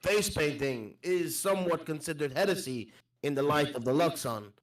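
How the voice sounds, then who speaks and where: A man voicing a tipsy, devout male adventurer in a tabletop role-play, speaking loudly and heavily. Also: a little high, moderate pace, natural voice. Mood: stern. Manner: loud, heavy-handed delivery.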